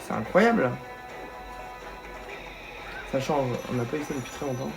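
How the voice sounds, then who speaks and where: Young guy gushing over game trailers to his viewers, gets loud and excited, faint music behind. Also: medium pitch, rapid-fire, creaky. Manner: excitable, bursts into shouts of delight; talks straight to viewers as "les gars". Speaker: youtuber reacting to a game showcase. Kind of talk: live reaction commentary.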